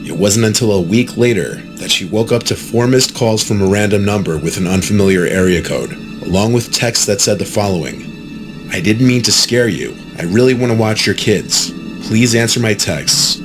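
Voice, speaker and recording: Man, scripted story narration, calm, low voice, music underneath. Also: normal speed.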